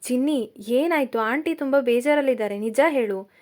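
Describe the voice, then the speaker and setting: A woman's voice: fairly high pitch, moderate pace, darkish tone, lightly acted. A woman voicing a young man, a loyal best friend who talks in a breezy, coaxing, teasing way in a storybook reading.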